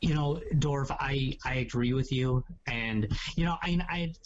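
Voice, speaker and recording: A man's voice: mid-range voice, unhurried, dull audio, a little hiss or hum. A man hosting a casual podcast chat, talking in rambling, hedging sentences full of asides. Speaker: podcast host.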